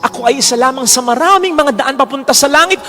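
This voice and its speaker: A man, a priest preaching a sermon in an animated way, often jumping into quoted voices and mixing in English. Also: very high-pitched, fast, in a large hall, faint music behind.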